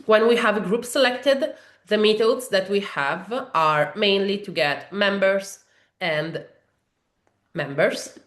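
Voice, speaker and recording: This software trainer, a woman from Italy whose native language is Italian, speaks at a slow pace with a medium pitch and Italian accent. She walks webinar viewers through a demo step by step, with frequent fillers and restarts, in a roomy-sounding space.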